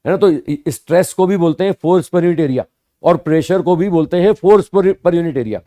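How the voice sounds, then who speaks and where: A man teaching physics to students, explaining slowly and repeating points, often asking rhetorical questions and answering them himself. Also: on the high side, mellow. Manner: addresses students as "bhaiya" and "sahab". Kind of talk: classroom lecture.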